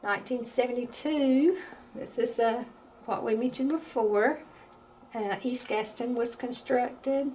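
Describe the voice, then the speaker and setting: A woman giving an informal museum tour as a guide, speaking calmly and a little hesitantly. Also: on the high side, poor audio. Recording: steady background noise, room ambience.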